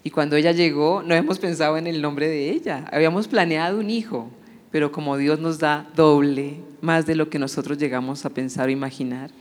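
A woman giving an emotional church testimony, telling her story in an animated way and acting out the dialogue. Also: low-pitched, fairly quick. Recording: long hall reverb.

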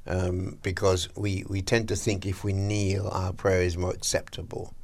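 Deep gravelly man hosting breakfast radio. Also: completely flat delivery, normal speed, darkish tone. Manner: chatty, preacherly, lots of agreeing yeahs. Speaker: radio show host. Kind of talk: casual on-air chat about faith.

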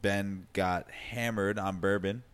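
Deep-voiced young man co-hosting a podcast. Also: steady tone, takes it slowly, a bit bright, clean tone. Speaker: podcast co-host. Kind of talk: casual chat.

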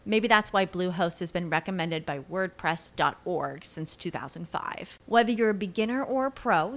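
A woman reading a scripted web-hosting commercial in a polished, upbeat sales manner. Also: mid-range voice. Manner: bright, polished sales delivery. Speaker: ad announcer.

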